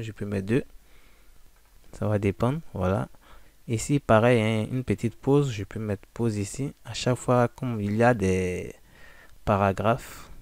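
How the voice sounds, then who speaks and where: Male tutorial presenter: low, mellow, dry close voice, casual chatty walkthrough full of fillers. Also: gravelly, no echo. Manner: informal, addresses listener as tu, frequent "en fait" fillers. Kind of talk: casual screen-recording walkthrough.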